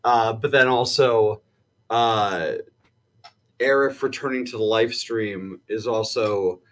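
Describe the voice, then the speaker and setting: A man's voice: on the low side, slow pace, fairly bright tone. A man in a casual video game discussion who speaks hesitantly, leaning on fillers as he works through his theories.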